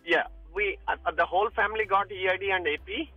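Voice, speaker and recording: A man's voice: high voice, faint music behind. Man calling in on car speakerphone. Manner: hesitant, halting, many restarts. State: driving in the rain. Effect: calling from a moving car on speakerphone. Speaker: caller to a radio advice show. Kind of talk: phone-in question. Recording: muffled lo-fi phone line from a car.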